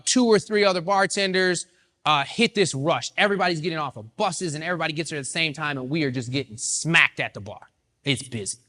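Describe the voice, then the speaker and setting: A man telling a story to an audience in a lively way, often asking "right?". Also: high-pitched. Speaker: speaker telling a work story.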